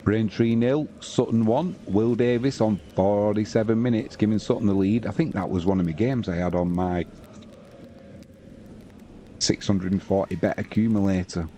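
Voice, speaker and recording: A fairly low-pitched British man in his fifties hosts and commentates on a live football stream, reading scores aloud as he chats slowly and unhurriedly in a relaxed manner. Slight background noise can be heard.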